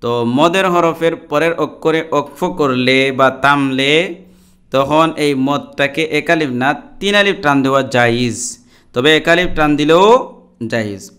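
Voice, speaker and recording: Man, Quran reading teacher, spells letters syllable by syllable, very clear voice, slightly high, slow. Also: a bit bright. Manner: spells out letters and vowel marks syllable by syllable, then chants the words drawn out; addresses viewers directly in explanations. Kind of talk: slow spelled-out recitation lesson.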